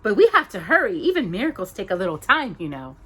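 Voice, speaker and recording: A woman's voice: medium pitch, big pitch swings, fast, fairly bright tone, husky. Woman voicing a singsong, scatterbrained old Fairy Godmother. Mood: cheerful reassurance. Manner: singsong, fussing and coaxing.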